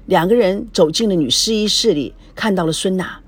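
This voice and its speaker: A woman's voice: medium pitch, brisk, breathy edge. A woman narrating a novel as an audiobook, reading every part herself. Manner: plain storytelling, reads every part herself.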